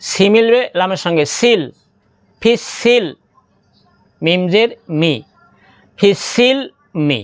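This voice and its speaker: A man teaching Quran reading, slowly spelling out Arabic syllables in step-by-step drills and drawing out recited words. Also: high voice, clear, resonant tone, no room sound, clean studio sound.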